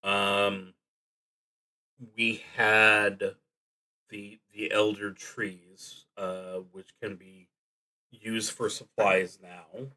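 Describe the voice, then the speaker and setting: In a low-quality recording, a man with a fairly low, pushed, bright voice streams a solo roleplaying game with flat delivery. He halts and deliberates while reading prompts and thinking aloud, occasionally murmuring to himself.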